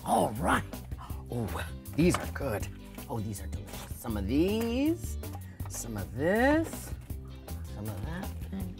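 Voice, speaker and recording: A goofy high-pitched coach. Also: male voice, wildly swooping pitch, slow, gravelly, long pauses, heavily acted. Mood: sneaky. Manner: goofy, exaggerated, wheedling. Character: goofy, hungry, sneaky male pool coach. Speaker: kids' show character. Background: music.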